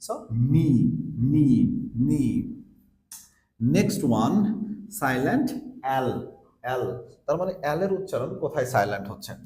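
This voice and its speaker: Male teacher, lively and slightly high voice, patient step-by-step explainer, echoey room. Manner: explains step by step, repeats example words slowly. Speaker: English teacher. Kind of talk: pronunciation lesson.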